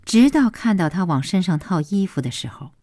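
A woman narrating a serialized novel in a slow, expressive storytelling manner. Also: on the low side, dry recording, studio quality. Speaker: audiobook narrator.

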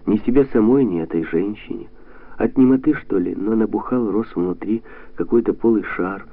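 A man calmly reading a literary novel aloud in a measured, even way. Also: lowish voice, breathy edge, dry recording. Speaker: audiobook narrator. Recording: tinny lo-fi radio sound.

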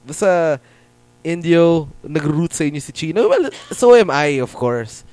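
Filipino guy chatting w buddy, lively up and down voice, laughs a lot. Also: a little high, a little slow. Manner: laughs often, mixes Tagalog and English, animated. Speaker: podcast co-host. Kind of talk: casual chat.

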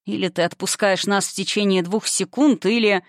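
A woman's voice: medium pitch, fairly even intonation, moderate pace, dry recording, clean studio sound, lightly acted. A woman voicing a curt, growling male doctor in an audiobook. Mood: stern. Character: stern gruff male hospital doctor.

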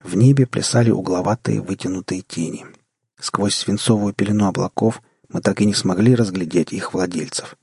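A man narrating a post-apocalyptic audiobook in the first person, measured and tense. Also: low-pitched, steady tone, gravelly, warm tone, husky, no echo, clean studio sound.

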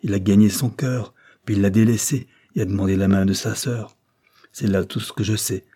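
A man's voice: on the low side, fairly even intonation, normal speed, warm tone, close to an everyday voice. A man reading an audiobook plays a stern older aristocrat, the count, who lectures and reproaches in a severe tone. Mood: informative.

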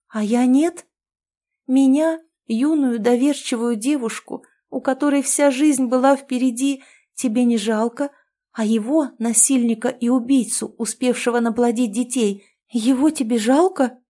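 A woman's voice: mid-range voice, mellow, natural voice. Tearful young ghost girl, as a woman puts her on. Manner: sobbing, reproachful.

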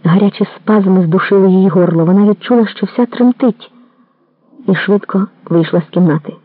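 A narrator reading a literary novel aloud in a measured, even storytelling manner. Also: medium pitch, no echo, narrow, tinny audio. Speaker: audiobook narrator.

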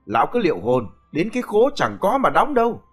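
A woman's voice: lowish voice, wildly swooping pitch, fairly quick, slightly rough, faint music behind, pitched above the performer's own voice, full character voice. A man voicing a furious, foul-mouthed village wife who screeches curses and wails in a storybook reading. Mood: screeching abuse.

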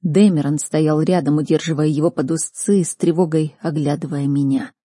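A woman reading first-person fantasy narration as an audiobook reader, measured and tense. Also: sits low, fairly even intonation, mellow, husky, no room sound, clean studio sound.

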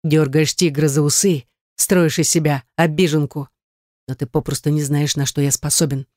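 An audiobook reader voicing an angry ex-husband who speaks in gruff, sarcastic bursts. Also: male voice, on the high side, little pitch movement, moderate pace, darkish tone, dry recording, studio quality, lightly acted. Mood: threatening. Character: angry wealthy ex-husband, hot-tempered, blunt. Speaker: audiobook character. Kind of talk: audiobook reading.

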